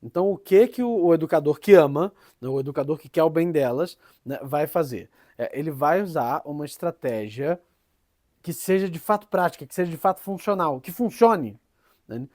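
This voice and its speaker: A man's voice: fairly high pitch, expressive, moderate pace, a little mellow, no echo, clean studio sound. A man with a Brazilian Portuguese accent gives an informal teaching talk, tagging many phrases with "né?" and often restarting.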